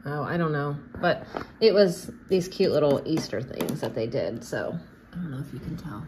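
Her voice is low-pitched with lively intonation and normal speed: a homemaking vlogger in her thirties casually narrating as she cooks at home and thinks aloud. The kitchen recording is noisy, with clicking sounds.

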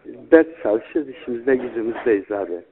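A man's voice: medium pitch, expressive, fairly quick. Tinny phone voice of a young man. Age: young adult. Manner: deferential, repeatedly addressing the listener as older brother. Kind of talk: informal phone conversation. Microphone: telephone. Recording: tinny, band-limited recorded phone call.

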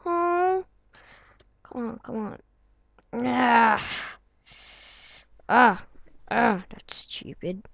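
Woman muttering gamer, wildly swinging pitch. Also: big pitch swings, very slow, creaky, long pauses, fairly bright tone, no echo, dull audio. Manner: mutters to self, bursts into whoops and cheers. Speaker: gamer playing a physics game. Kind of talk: casual gameplay commentary.

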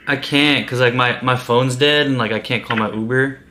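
A man in his twenties with a bright, forceful voice at a middle pitch. He talks casually on a prank call, hesitant and pleading with an innocent act, in a small room with clear background noise. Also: fairly even intonation, moderate pace. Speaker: prank caller posing as a new employee. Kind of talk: casual phone prank conversation.

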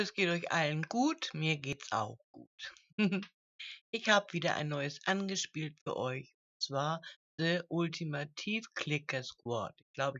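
A woman hosting a casual let's play, chatting to her viewers and cooing at little game characters as if they were pets, swinging from low muttering to high exclamations. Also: a bit bright, dull audio.

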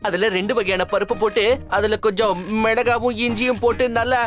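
An exasperated young royal advisor. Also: male voice, high-pitched, steady tone, fairly quick. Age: young adult. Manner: exasperated, complaining. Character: witty young royal advisor, quick-tempered. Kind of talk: dubbed TV drama. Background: background music.

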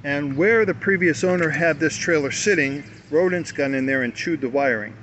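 A man's voice: fairly high pitch, normal speed, a bit bright. An older man casually showing his camping gear to camera at a grassy campsite, talking in a folksy, rambling way and correcting himself as he goes. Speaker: motorcycle camping vlogger. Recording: dull lo-fi outdoor sound with faint noise.

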